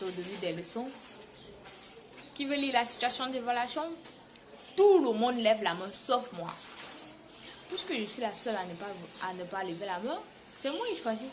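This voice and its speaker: Cameroonian French woman, animated storyteller. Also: medium pitch. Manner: animated, repeats words for emphasis. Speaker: vlogger. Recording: noisy background hiss.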